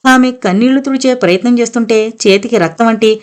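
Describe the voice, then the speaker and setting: A woman narrating a full-length audio novel in a steady, expressive storytelling voice. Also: on the high side, fast talker.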